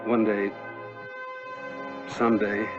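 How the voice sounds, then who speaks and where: A man's voice: lowish voice, level tone, slow, over music. An actor playing an anguished frontier father in a TV western melodrama, with an American accent. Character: anguished frontier father explaining himself to his son. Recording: muffled old TV soundtrack.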